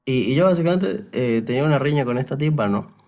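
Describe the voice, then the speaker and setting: The recording has its highs cut off, capturing a young man from Paraguay with an expressive, fast, mid-range voice that is a little mellow. He is an interview guest chatting casually, wandering through a long story with many restarts and "o sea," and re-enacting dialogue.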